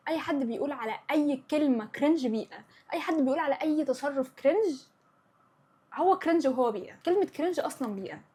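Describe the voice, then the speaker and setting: A woman's voice: high voice, slightly rough. A young woman in her twenties with an Egyptian Arabic accent, hosting a casual chat podcast, chatty and opinionated, slipping English words into her talk. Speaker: podcast host.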